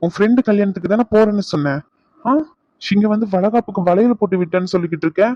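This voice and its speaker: A man's voice: high-pitched, fast, mellow, dry recording, close to an everyday voice. A man voicing a jealous young husband in a dubbed cartoon, sarcastic and accusing, recorded lo-fi. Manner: accusing, sarcastic, repeats his demands. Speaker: cartoon voice actor.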